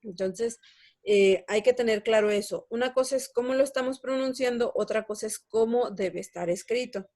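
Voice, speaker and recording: A woman's voice: fairly high pitch, normal speed, a little mellow. A young woman teaching a language lesson, explaining step by step and checking in with her students. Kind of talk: online lesson.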